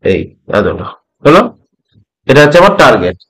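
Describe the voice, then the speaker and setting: A middle-aged man from West Bengal teaching a trading method, talking slowly and repeating points, often checking that the listener follows. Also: medium pitch, very animated, fairly bright tone, breathy edge, rough recording. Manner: slow, repeats points, asks "ঠিক আছে?" often. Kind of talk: slow explanatory tutorial.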